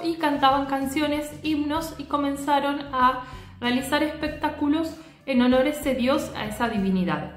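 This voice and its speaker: A woman teacher explaining a lesson to her students, often pausing to check that they follow. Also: fairly high pitch. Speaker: literature teacher. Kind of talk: recorded class lecture. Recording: echoey room.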